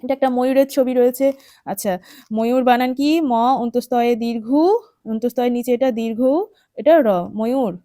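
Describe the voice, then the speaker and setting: A fairly high-pitched woman with a West Bengal Bengali accent teaches young children, counting and spelling each word slowly. Her tone is mellow and soft, and the recording is close and dry. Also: level tone, no room sound. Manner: patient, coaxing, checks in with "ঠিক আছে?". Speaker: primary school teacher. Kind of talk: children's textbook lesson, spelling words aloud.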